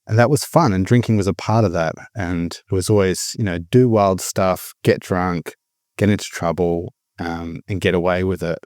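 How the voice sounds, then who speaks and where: In studio-quality audio with no echo, a middle-aged man born in the Philippines and raised abroad reflects openly on his own recovery as a guest, frequently starting over mid-thought. He speaks at normal speed in a deep, darkish voice with a steady tone.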